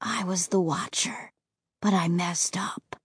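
Woman voicing a low, flat ghost boy. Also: slow pace, gravelly, no echo, clean studio sound, full character voice. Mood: whispering sorrow. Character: dead boy ghost, sad and menacing.

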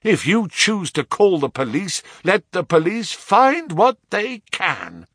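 A man's voice: medium pitch, big pitch swings, moderate pace, fairly bright tone, dry recording, clean studio sound. A man voicing a proud young son wrongly accused, defiant, formal and passionate, in an audiobook story.

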